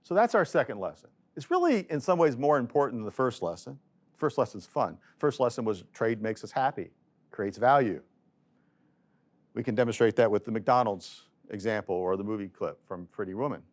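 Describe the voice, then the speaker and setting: A middle-aged man, an economics professor, giving a classroom lecture in a lively, joking storytelling manner. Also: mid-range voice, fairly quick. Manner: lively, joking storyteller voicing quoted arguments.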